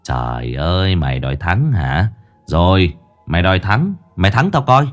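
A man's voice: on the low side, very animated, a little fast, warm tone, faint music behind. Man doing a brash street chess player. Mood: mocking. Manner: rough, mocking slang.

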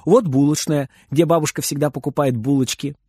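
A man reading a children's story aloud in an expressive narrating voice. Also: on the high side, brisk, breathy edge, no room sound, studio quality.

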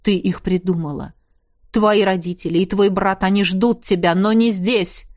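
A woman's voice: mid-range voice, fairly even intonation, normal speed, darkish tone, pitched below the performer's own voice, close to an everyday voice. Woman doing an urgent growling male dragon. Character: male dragon, desperate and commanding.

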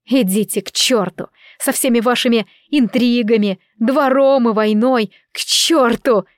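A woman voicing a proud, quick-tempered young queen who speaks emotionally in an audiobook. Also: on the high side, a little mellow, no echo, studio quality, close to an everyday voice. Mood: indignant. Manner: emotional, impassioned.

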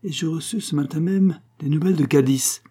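A man's voice: on the high side, a little fast, mellow, husky, pitched above the performer's own voice. A man doing a sneering jealous young hidalgo. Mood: cold. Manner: sneering, cold. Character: mocking, jealous young Spanish nobleman.

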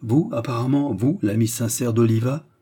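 An all-knowing count speaks with icy irony and calm command, as a man reads him in an audiobook. The voice is dark and husky, a little raised in pitch. It carries quiet authority. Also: normal speed, lightly acted. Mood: cold. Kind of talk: audiobook reading.

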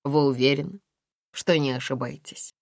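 A woman's voice: very deep voice, darkish tone, no room sound. A woman reading an audiobook, voicing a male police investigator who speaks formally and drily. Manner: formal, measured, dry. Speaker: audiobook reader.

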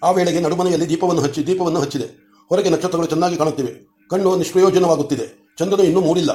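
A man reading a novel aloud at a steady pace, repeating words to fix small slips. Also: on the high side, rapid-fire. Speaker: audiobook reader. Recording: roomy echoey room.

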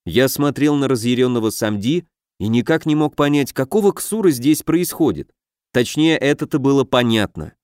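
A man narrating a fantasy audiobook in the first person with an even, steady reading. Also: mid-range voice, normal speed, smooth, no echo, studio quality.

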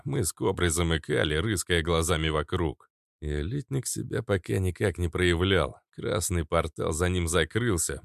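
A man narrating an adventure audiobook in the first person, steady and even, on a close studio mic. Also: low-pitched, vocal fry, no echo.

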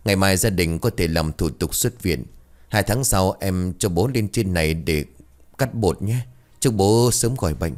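A man voicing a hospital doctor who reassures the family in a calm way. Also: low-pitched, unhurried. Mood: reassuring.

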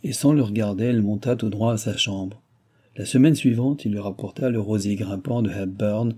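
A man reading a novel aloud as narrator, in a measured, even delivery. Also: on the low side, slightly rough. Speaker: audiobook narrator.

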